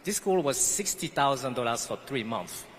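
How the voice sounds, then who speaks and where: In an echoey hall with faint ambience, a non-native English speaker from French Guiana delivers a prepared commencement speech, earnestly recounting his life. His mid-range voice is expressive and a bit bright, moving at a normal speed, and the recording has a little hiss or hum.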